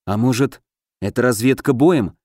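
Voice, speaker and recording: A man voicing a quick-thinking young male elf tactician giving brisk commands. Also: mid-range voice, a little mellow, no room sound, studio quality, lightly acted. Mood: thoughtful.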